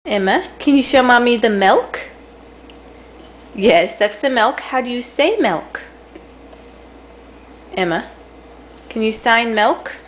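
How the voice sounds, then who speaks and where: A woman's voice: on the high side, lively intonation, takes it slowly, long pauses, slight background noise, low-quality recording. A young mother at home patiently coaching her toddler, repeating simple prompts and praise. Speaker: mother teaching her toddler baby sign language.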